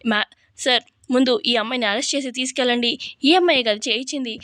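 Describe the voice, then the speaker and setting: A woman's voice: on the high side, quick pace, a bit bright, dry recording, clean studio sound, lightly acted. A woman voicing a furious young heroine who accuses a schemer and demands the truth. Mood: accusing. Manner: accusing, firm.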